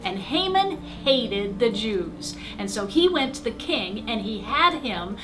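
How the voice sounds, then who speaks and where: A woman's voice: on the high side, sing-song, unhurried, rough recording. A woman working as a children's pastor, telling a story casually to kids in short, emphatic sentences.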